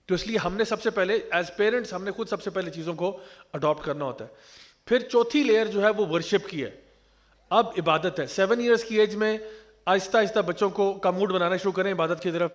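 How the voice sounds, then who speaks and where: A man giving an earnest religious talk on parenting, explaining point by point and mixing in English terms. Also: sits high. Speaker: Islamic speaker.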